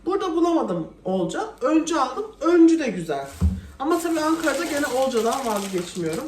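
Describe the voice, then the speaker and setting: A woman vlogs casually at home in the kitchen, her high voice sing-song, slightly fast and darkish in tone. She chats away, often exasperated while complaining, and the recording has echo, distance and faint noise.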